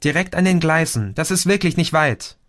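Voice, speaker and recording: A man's voice: a little high, lively intonation, fairly bright tone, voice pushed up. A man reading an audiobook voicing a young woman who talks hectically and pushes ahead. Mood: hectic. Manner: hectic, rushed.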